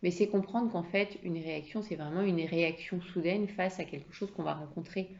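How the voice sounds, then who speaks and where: A woman in her thirties gives an explanatory lesson about emotions in a relaxed, conversational way, full of fillers and repeated words. Her voice is low with a gravelly fry, and the recording sounds slightly muffled and lo-fi. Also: moderate pace. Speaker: emotions coach.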